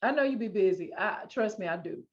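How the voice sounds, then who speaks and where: A woman hosts a sports show in a casual, familiar way, teasing as she chats. Her mid-pitched voice sits in a slightly dull, lo-fi recording. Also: animated, fairly quick. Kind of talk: casual chat. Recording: muffled lo-fi sound.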